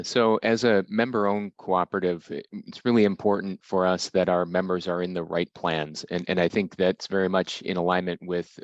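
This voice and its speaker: Man, insurance panelist, very low even voice, dry muffled sound. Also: dry recording. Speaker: health insurance cooperative panelist. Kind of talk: panel remarks.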